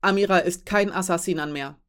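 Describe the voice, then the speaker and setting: A woman reading an audiobook voices a huge, calm female ship captain who gives orders in a factual, firm tone. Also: on the low side, a little fast, clean tone, natural voice. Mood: calm, commanding. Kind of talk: audiobook character voice.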